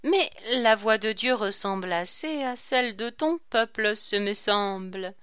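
A woman's voice: medium pitch, unhurried, a bit bright, clean tone, no room sound, studio quality, natural voice. A woman reading aloud, voicing a sly, mocking male court jester who teases with ironic questions.

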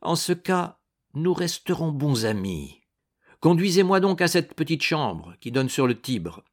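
A man's voice: a little high, sing-song, measured pace, voice pushed up. A man voicing a fierce young chevalier who speaks in a commanding, menacing way, raising his voice above the narration. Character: fierce young male chevalier, threatening and impetuous.

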